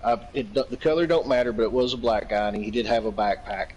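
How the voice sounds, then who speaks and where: A man's voice: medium pitch, quick pace, darkish tone, rough recording. A man from Virginia telling long, profane, rambling anecdotes in casual chat, laughing often. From Virginia, United States.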